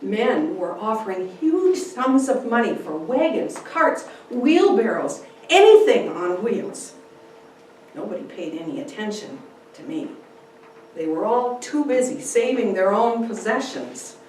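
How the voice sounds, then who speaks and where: A woman gives a dramatic first-person story reading in a theatrical, deliberate manner, taking her time and swinging her pitch expressively. She sounds very animated and a little mellow. The mic is distant in a strongly echoey room, with faint noise.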